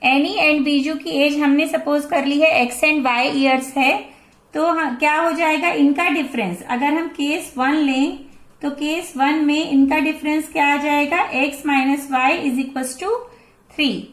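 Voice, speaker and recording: Indian woman teacher in her forties, slow and patient, recorded in an echoey room. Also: high-pitched, steady tone. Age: 40s. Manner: slow, patient explaining that mixes Hindi and English. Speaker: math teacher. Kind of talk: classroom lesson explaining a math problem.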